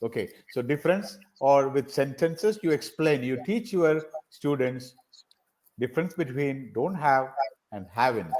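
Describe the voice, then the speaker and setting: A man's voice: medium pitch, lively intonation, measured pace, a little mellow. A man from India, tutoring on a video call, encouraging and rattling off example sentences. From South India. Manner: encouraging, repeats phrases and gives many example sentences. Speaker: English tutor. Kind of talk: conversational English practice session.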